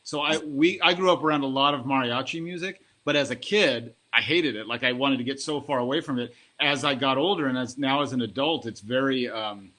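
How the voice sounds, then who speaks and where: A male host chatting casually with musicians in an event tent, relaxed and joking. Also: mid-range voice, brisk, hardly any pauses. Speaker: show host interviewing musicians. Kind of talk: casual interview chat.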